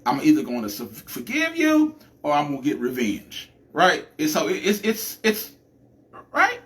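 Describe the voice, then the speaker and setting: A man hosting a live podcast, talking through a chatty, animated monologue with a preacher-like cadence and lots of restarts. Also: on the high side. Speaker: podcast host.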